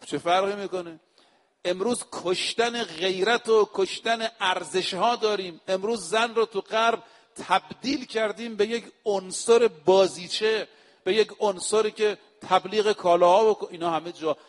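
A male preacher giving a sermon, speaking to his listeners directly and reciting scripture quotes slowly and with emphasis. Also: sits high, fairly even intonation, long reverb tail. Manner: addresses the audience directly. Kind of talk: religious sermon.

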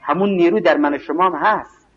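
A preacher delivers an evening lecture in a slow, weighty cadence, often stopping to recite scripture and poetry. His voice sits fairly high for a man, and the recording sounds dull and muffled. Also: a bit bright. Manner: slow, emphatic, quotes scripture and verse.

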